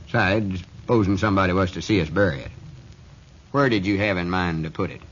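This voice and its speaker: Lum, a bossy old storekeeper on AM radio. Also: male voice, low-pitched, brisk. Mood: self-assured. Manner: scolding, self-assured drawl. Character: old rural male storekeeper, bossy and sure. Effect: old AM radio broadcast sound. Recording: muffled noisy 1940s radio recording.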